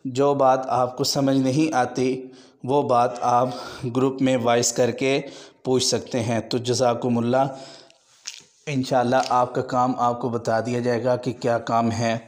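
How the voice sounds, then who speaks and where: A man from Pakistan teaching beginners Quran letter pronunciation in an online lesson. He draws out each letter slowly as a model, then explains at a brisk pace. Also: mid-range voice, little pitch movement, slight background noise.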